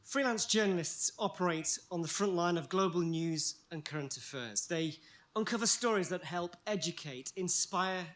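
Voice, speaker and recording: A man reads a prepared award presentation from a stage in a measured, formal way. His voice sits a little high. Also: a bit bright. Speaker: sponsor presenter. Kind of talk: scripted award presentation speech.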